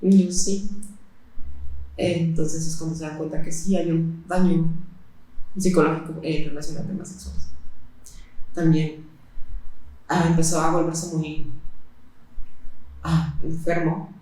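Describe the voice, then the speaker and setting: A woman recounts her experiences in an interview, speaking in a flat, even tone. She talks haltingly, filling her pauses with hesitations. The recording is heavily echoey. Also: sits low. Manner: halting, with frequent fillers and pauses. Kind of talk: personal testimony in interview. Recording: very echoey room.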